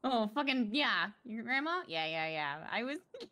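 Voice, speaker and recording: A woman's voice: on the high side, big pitch swings, normal speed, pushed and bright, dry recording. A woman chatting casually on a live stream, telling stories with lots of laughter and swearing. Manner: laughs often, swearing, storytelling.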